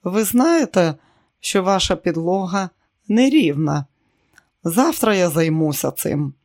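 An audiobook reader voicing a smooth, seductive man who talks in a soft, coaxing way. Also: high voice, animated, takes it slowly, exaggerated voice.

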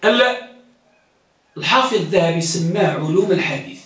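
Male lecturer, high voice, quizzes students and repeats points; far from the mic in a very echoey classroom. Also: lively intonation, normal speed, a bit bright. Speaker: teacher of hadith studies. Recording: very echoey room, distant mic.

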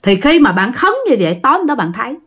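A woman's voice: on the high side, big pitch swings, fast talker, fairly bright tone, breathy edge. A woman telling a ghost story in a casual, chatty way, speaking straight to her listeners. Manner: chatty, addresses listeners directly.

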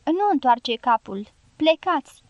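Storybook role: a wounded, commanding soldier, voiced by a woman reader, high-pitched and dry. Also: no echo, muffled recording. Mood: urgent. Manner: measured, firm commands. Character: American male dynamiter, wounded, calm and commanding.

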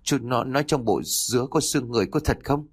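A man's voice: medium pitch, fast, husky, voice pushed up. A man voicing a worried older mother pressing for answers in a narrated story. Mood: anxious. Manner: anxious, pressing questions.

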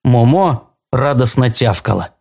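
A man's voice: mid-range voice, lively intonation, measured pace, creaky, a little mellow, slightly rough. Man narrating an audiobook.

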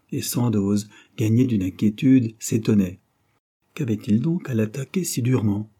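A man reading a classic novel aloud as an audiobook narrator, in an even, measured way. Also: fairly low pitch, breathy edge.

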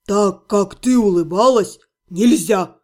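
A woman voicing a grumpy, jealous young half-gnome man in an audiobook, snapping and gruff. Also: medium pitch, unhurried, dark tone, pitched below the performer's own voice, lightly acted.

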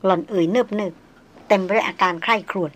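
A woman narrating a novel in a calm, even storytelling manner. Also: mid-range voice, moderate pace. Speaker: audiobook narrator.

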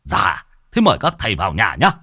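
A man voicing a jolly, excitable old village elder who fawns over his guests. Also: fairly quick, slightly rough, no echo, studio quality, full character voice. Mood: gleeful. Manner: giggly, high and boastful.

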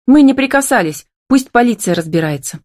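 A woman voicing a spirited, feisty young wife who speaks brightly and raises her voice high. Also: expressive, brisk, close to an everyday voice.

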